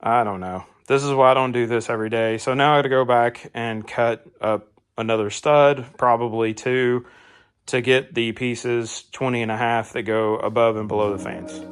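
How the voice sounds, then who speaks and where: A man giving a casual hands-on vlog narration inside a barn workshop, plain-spoken and thinking out loud. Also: medium pitch, steady tone, moderate pace, smooth. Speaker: host of a DIY garage channel.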